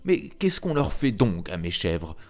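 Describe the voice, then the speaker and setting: A man's voice: deep voice, big pitch swings, unhurried. A man voicing a worried old farmer who fusses over his goat, in a storybook reading. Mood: fretful.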